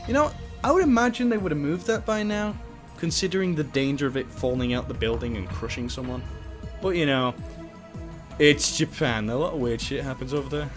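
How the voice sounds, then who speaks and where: Music runs under this let's play as the man hosting it alternates between reading game text aloud and goofy, jokey exclamations. His voice is a little high, and his pace a little fast.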